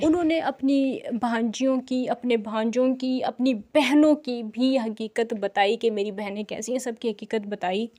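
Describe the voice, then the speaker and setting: A woman with a sore, scratchy throat, talking slowly and carefully to camera as a reaction channel vlogger, with frequent filler sounds. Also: fairly high pitch, mellow. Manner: deliberately slow, careful speech with frequent fillers. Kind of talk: casual direct-to-camera commentary.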